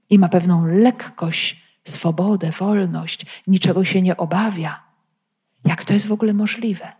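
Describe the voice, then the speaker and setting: Woman, Bible teacher, spoken commentary, rhetorical questions, speaks to listeners directly, lower voice. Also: breathy edge. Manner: explanatory, asks many rhetorical questions; addresses listeners directly and warmly.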